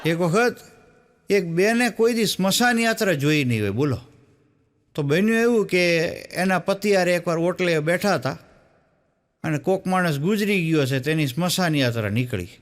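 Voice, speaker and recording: On stage, a male stand-up comedian performs Gujarati folk comedy, telling folk stories and acting out their characters in quoted voices. His voice sits high and expressive, and he throws quick asides to the crowd while the audience laughs along.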